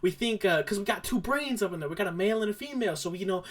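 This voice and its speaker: A man's voice: high voice, animated, rapid-fire, fairly bright tone. A man putting on the voice of a young male coworker who talks in laid-back street slang, calls everyone bro and swears by astrology. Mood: earnest, laid-back.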